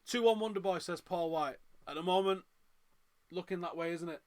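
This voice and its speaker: A man's voice: sits high, normal speed. A man with a Manchester accent hosting a live fight watchalong, giving chatty reaction commentary and reading out viewer comments. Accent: Northern English, Manchester. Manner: chatty, reads out viewer comments, gets loud and excited at big moments.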